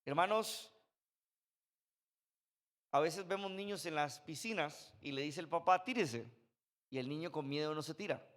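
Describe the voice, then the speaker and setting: Man, 30s, high-pitched, conversational storytelling preacher. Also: moderate pace, pauses often, a bit bright. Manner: conversational storytelling with sound effects. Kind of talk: sermon. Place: church. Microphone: handheld microphone.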